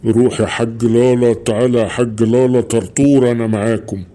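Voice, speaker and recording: A man voicing a gruff, quick-tempered middle-aged Egyptian father in a cartoon, grumbling and scolding his son in an Egyptian Arabic accent. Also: mid-range voice, steady tone, dark tone, natural voice. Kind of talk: cartoon voice acting.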